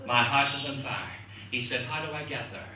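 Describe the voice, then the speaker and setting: A man doing stand-up one-liners in a club, chatting to the audience as ladies and gentlemen. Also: medium pitch, lively intonation, fairly quick, slight background noise. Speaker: stand-up comedian. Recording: echoey club from a distance. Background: audience laughter.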